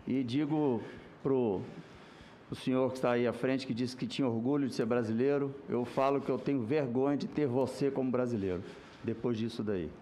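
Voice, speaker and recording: A man's voice: medium pitch, normal speed, warm tone, slight background noise. Indignant Brazilian man at a hearing. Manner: indignant, sympathetic outburst. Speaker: senator. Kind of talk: spontaneous remarks at a hearing. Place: parliamentary hearing room.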